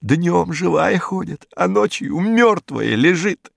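A man voicing a frightened, superstitious male gangster informer who talks in a jumpy, rambling, pleading way, in a high, strained voice with a gravelly edge. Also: expressive, slow, no room sound, studio quality, exaggerated voice. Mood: insistent.

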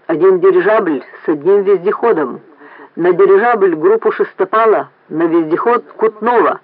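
A stern, clipped young director, as a man acts him, barking short orders in a radio drama. The voice sits high and lively. The sound is thin, like a phone line. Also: normal speed. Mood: commanding. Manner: curt, gives orders. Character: young stern male base director, brisk and commanding. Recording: tinny phone-like lo-fi recording.

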